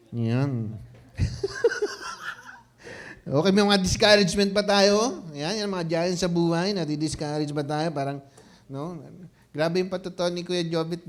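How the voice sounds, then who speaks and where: A man preaching a conversational sermon as pastor, playful and laughing often, often checking in with the congregation and mixing Tagalog with English. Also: fairly high pitch.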